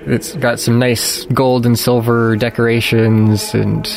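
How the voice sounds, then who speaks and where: Creaky-voiced male game master. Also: medium pitch, level tone, takes it slowly, a little mellow, soft background music, low-quality recording. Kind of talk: narrating a tabletop game.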